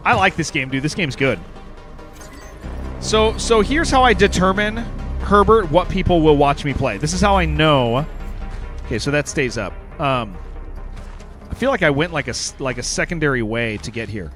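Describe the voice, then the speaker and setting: A man's voice: fairly high pitch, expressive, normal speed, over music. A man streaming a video game live, chatting casually and rambling with lots of fillers. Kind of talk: casual live-stream commentary while gaming.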